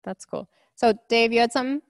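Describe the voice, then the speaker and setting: A woman's voice: fairly high pitch, fairly even intonation, quick pace, dry recording. A woman leading a casual online church group discussion, chatty and saying "like" often. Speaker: worship leader.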